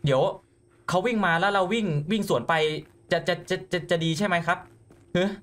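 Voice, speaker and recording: A young man giving excitable let's play commentary on a horror game. He gets jumpy and stammers, repeating words when startled. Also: high-pitched, normal speed. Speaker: gaming YouTuber.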